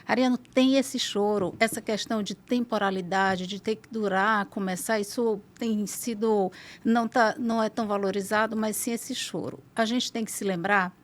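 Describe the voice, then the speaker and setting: Brazilian woman specialist, mid-pitched, measured and explanatory, podcast guest. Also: fairly even intonation. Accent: Brazilian Portuguese. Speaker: pediatric gastroenterologist guest. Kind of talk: podcast interview.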